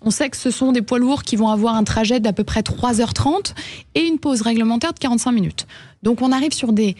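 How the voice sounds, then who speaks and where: A woman guest on a radio talk show, explaining at a measured pace with frequent hesitations. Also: on the high side, a little mellow. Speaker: guest, head of an EV charging company.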